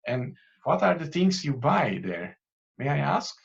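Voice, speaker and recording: A man's voice: a little high, big pitch swings, measured pace, vocal fry. A man from Hungary with a Hungarian accent, interviewing a guest in English with a hesitant manner. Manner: hesitant, many fillers and restarts. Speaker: interviewer, channel host. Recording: dull lo-fi audio.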